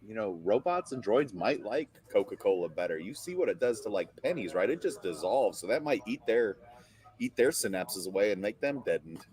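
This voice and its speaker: A man's voice: on the low side, big pitch swings, brisk, darkish tone. A man co-hosting a casual chat about tabletop wargaming, telling stories and joking around. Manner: joking, storytelling, playful. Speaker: co-host.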